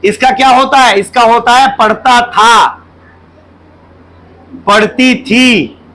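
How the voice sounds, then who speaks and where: A male teacher with a Hindi accent, giving a classroom grammar lesson and dictating sentences slowly with repetition. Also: extremely high pitch, steady tone, sharp tone, low-quality recording. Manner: slow, drawn-out dictation with repetition.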